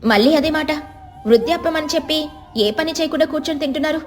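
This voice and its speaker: Woman playing a sharp-tongued resentful young wife. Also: high-pitched, voice pushed up, close to an everyday voice. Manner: snapping, quick and complaining.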